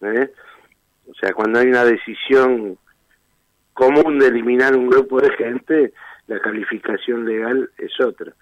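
A man's voice: mid-range voice, fairly even intonation, a little slow, dry recording, highs cut off. A man with an Argentine Spanish accent, a defense lawyer arguing his case insistently in a radio interview, firing off rhetorical questions.

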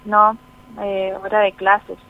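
A mother calling in to a radio interview, speaking quietly and haltingly, repeating herself as she recounts events. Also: medium pitch, completely flat delivery. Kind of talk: emotional phone-in testimony. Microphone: telephone. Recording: tinny phone line, faint noise.

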